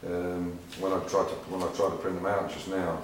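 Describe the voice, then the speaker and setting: In a deep voice with little pitch movement and normal speed, a middle-aged English car restorer vlogger chats casually about his car work, full of fillers and repeated words. The casual workshop vlog is recorded in an echoey garage workshop with faint noise.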